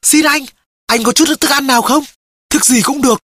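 A man's voice: very high voice, moderate pace, pushed and bright, no echo, studio quality, pitched above the performer's own voice. A man voicing a starving male castaway who desperately begs for food in an audiobook. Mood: pleading. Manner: pleading, begging for food. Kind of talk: audiobook dialogue.

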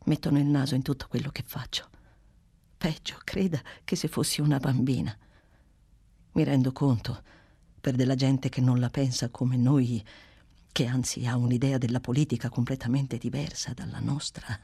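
A woman reads a small, bony aging schoolteacher who confides in a husky near-whisper. Her tone is warm and mellow, and she turns wry and indignant about being watched over. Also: extremely low pitch, steady tone, moderate pace, voice pushed down, heavily acted. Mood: confiding. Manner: hushed, often whispered asides.

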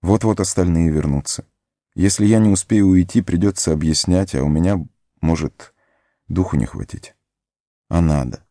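A man voicing a weary, resolute young male hobbit in an audiobook, earnest and gently firm. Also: fairly low pitch, expressive, normal speed, no room sound, studio quality, voice pushed up. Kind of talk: audiobook character voice.

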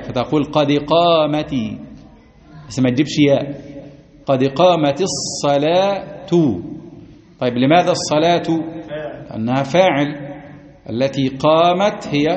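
A man teaching a lesson on Islamic jurisprudence, slowly repeating key phrases and quizzing his students, with some Egyptian colloquial asides. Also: a little high, darkish tone, roomy sound, dull audio. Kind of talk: classroom lesson on a legal text.

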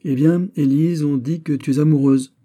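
A sly, gossiping young noblewoman from a classic audiobook, pitched noticeably higher and louder than an ordinary speaking voice, as a man puts her on. She needles and teases with mock sweetness. The tone stays dark and mellow underneath. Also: steady tone, normal speed, lightly acted. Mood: triumphant. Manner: teasing, needling.

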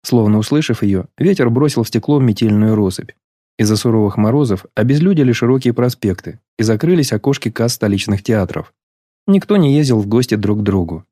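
A man reading a novel aloud as an audiobook narrator, in a measured, even storytelling manner. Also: lowish voice, dry recording, clean studio sound. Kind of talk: scripted literary narration.

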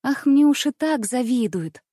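A woman voicing an honest, gentle young circus girl who speaks earnestly and simply. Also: high-pitched, expressive, measured pace, dry recording, studio quality, pitched above the performer's own voice.

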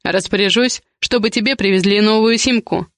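A woman voicing a domineering, possessive young man who gives low, menacing commands in an audiobook romance. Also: normal speed, no room sound, clean studio sound, natural voice. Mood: commanding.

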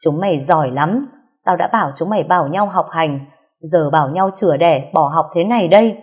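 A stern middle-aged father bellows and scolds in fury, as a woman narrator puts him on. The voice stays low and harsh. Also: fairly quick, husky. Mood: furious scolding. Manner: shouting, scolding.

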